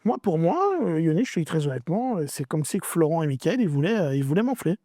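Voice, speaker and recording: Animated man telling a heated story. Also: on the high side, quick pace, no echo, studio quality. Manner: animated, acts out dialogue, slangy street French. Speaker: podcast guest. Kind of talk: casual storytelling interview.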